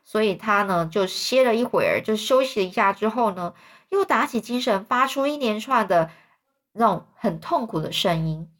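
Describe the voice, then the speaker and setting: A woman's voice: mid-range voice, expressive, normal speed. Chatty storyteller woman. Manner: chatty, rephrasing, explaining to listeners. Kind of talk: casual storybook retelling.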